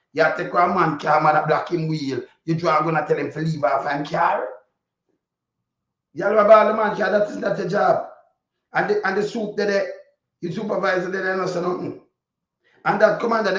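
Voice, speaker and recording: A Jamaican man giving an informal political rant in Patois, blunt and indignant, with heavy swearing. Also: on the high side. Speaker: political commentator. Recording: dull lo-fi audio, echoey room.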